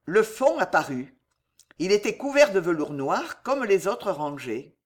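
A woman reading a novel aloud as an audiobook narrator, in a measured, expressive way. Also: medium pitch. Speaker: audiobook reader.

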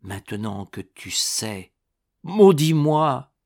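An anguished old woman consumed by guilt, voiced by a male reader, who drags out her words slowly. She is a character from a storybook. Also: medium pitch, big pitch swings, a little mellow. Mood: confessing. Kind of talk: storybook reading.

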